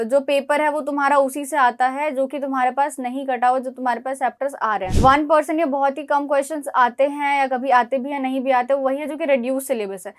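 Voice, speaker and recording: A young woman from India giving direct, scolding yet encouraging study advice to exam students. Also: high-pitched. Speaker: exam prep mentor.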